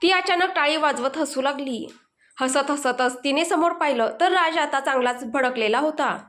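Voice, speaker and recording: High-voiced woman narrating a story. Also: moderate pace, a bit bright.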